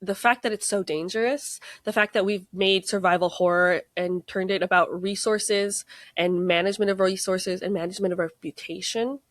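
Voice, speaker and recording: An American woman from the United States, guesting as a tabletop game co-creator, chats casually in an interview, rambling with lots of fillers and frequent laughter. Her medium-pitched voice is steady and fairly bright at a normal speed, recorded at studio quality with no room sound.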